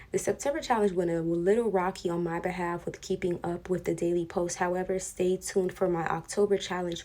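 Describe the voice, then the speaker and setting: A woman's voice: on the low side, warm tone. A woman hosting a casual spiritual card reading, chatting informally and speaking directly to her viewers. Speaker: tarot reader hosting an online pick-a-pile reading.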